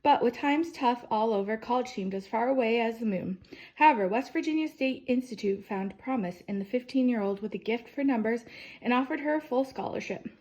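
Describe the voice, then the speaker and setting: A storyteller reads a children's picture-book biography aloud, her female voice pitched slightly high. Her delivery is measured and storytime-like, with stressed openings to sentences and gently falling finishes.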